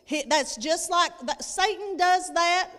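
With a very high, somewhat bright voice at a measured pace, a woman in her thirties delivers a sermon at a church lectern. She reads scripture, explains it with emphasis, and repeats phrases for weight, using a handheld microphone in an echoey hall with long reverb.

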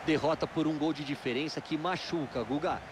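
A man with a Brazilian Portuguese accent giving measured analysis as color commentator in a football video game. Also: fairly high pitch, background noise.

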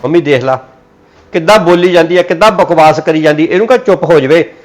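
A man's voice: a little high, fast talker. A man in a Punjabi family comedy sketch, complaining in a sulky way.

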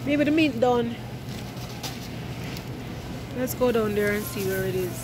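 A woman's voice: fairly high pitch, animated, unhurried. Chatty Jamaican woman filming in a supermarket. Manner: chatty, laughs often, talks to viewers while walking. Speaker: vlogger. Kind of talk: casual vlog chat. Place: large indoor supermarket. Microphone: phone held at arm's length. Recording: loud store background noise.

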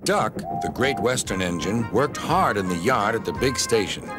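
Guy reading a kids train story, lively up and down voice, music under it. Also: lowish voice, moderate pace. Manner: gentle, expressive storytelling. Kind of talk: storybook narration. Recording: narration over music.

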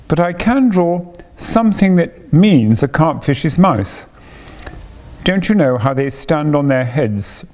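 A man reading aloud and voicing an eager, bright little cave girl who pleads earnestly and bubbles with excitement. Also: a little high, pitched above the performer's own voice, full character voice.

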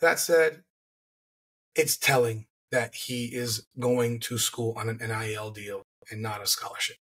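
A man from South Florida hosts a sports podcast with a hoarse, rough voice at a middling pitch. He sounds worn by flu. His delivery is conversational and opinionated, talking straight to the listener. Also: fairly even intonation, measured pace, a bit bright. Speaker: podcast host. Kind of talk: sports rant to camera. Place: furnished home room, indoors. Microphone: large desk microphone close to the mouth.

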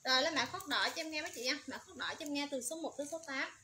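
High-voiced fast-talking livestream saleswoman. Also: pushed and bright, a little hiss or hum. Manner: rapid, repetitive sales patter calling out codes and prices. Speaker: livestream seller.

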